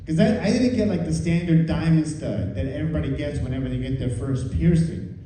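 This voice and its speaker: A man performs casual stand-up comedy with a mellow, slightly high-pitched voice. He tells self-deprecating stories conversationally. The sound is very echoey, as in a live room. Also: fairly quick. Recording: echoey room, distant, faint noise.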